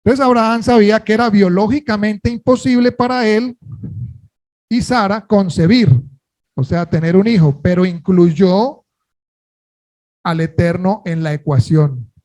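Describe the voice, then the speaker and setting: A man preaching a sermon in an earnest way. He often asks the listeners a question and answers it himself, and he slows down on key words. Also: high voice, a little mellow.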